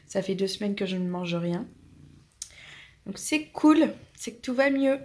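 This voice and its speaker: With a medium-pitched, animated voice and a measured pace, a family vlogger in her late twenties with a French accent rambles casually about her day to the camera, pausing to talk gently to her cats.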